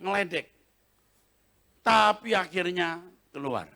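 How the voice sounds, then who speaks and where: A male preacher delivering a sermon in a convention hall, telling stories with lively dramatic swings in pitch. His voice sits on the high side, and he laughs often as he acts out scenes. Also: slow pace, gravelly. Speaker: pastor. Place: large convention hall, Christmas service.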